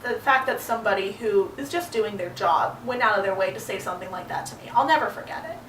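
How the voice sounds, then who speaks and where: A woman's voice: medium pitch, a bit bright, distant mic, a little hiss or hum. A young woman tells a personal story, speaking earnestly and stopping often to find her words. She sits some way back from the mic, and the room echoes around her voice. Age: young adult. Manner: earnest, halting, with fillers. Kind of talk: personal monologue.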